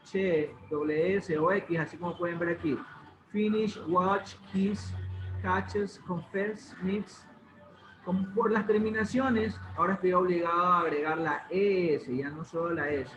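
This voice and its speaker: A man's voice: sits high, steady tone, unhurried, noisy background. A man teaching an online English grammar class, patiently repeating rules and calling on students. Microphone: video call. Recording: muffled video call in an echoey room.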